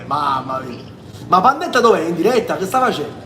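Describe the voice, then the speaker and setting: High-voiced southern Italian man, echoey room. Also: big pitch swings, fairly quick, fairly bright tone. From Sicily. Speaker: singer hosting a livestream. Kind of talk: casual livestream chat. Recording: echoey room, music behind.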